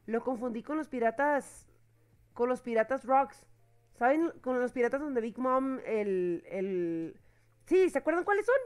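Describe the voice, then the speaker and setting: A woman's voice: fairly high pitch, lively intonation, measured pace, a little mellow, clean tone, faint music behind. A woman with a Mexican accent giving casual, slangy reaction commentary on an anime ranking, often correcting herself mid-sentence. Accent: Mexican Spanish. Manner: chatty, slangy, self-correcting, laughs often.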